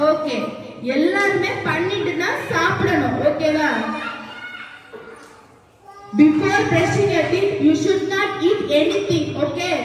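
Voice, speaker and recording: A woman teacher with a Tamil accent, talking to young children in a classroom and asking them simple repeated questions. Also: very high-pitched. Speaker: school teacher. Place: school classroom. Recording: echoey room, far from mic, faint noise.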